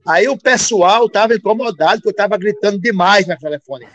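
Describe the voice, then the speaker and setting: A former football player telling a funny anecdote loudly, acting out the voices in it. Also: male voice, high voice, fairly quick, no echo. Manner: loud, acts out dialogue, shouting quotes. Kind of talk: lively anecdote on a call. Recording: dry dull lo-fi call audio.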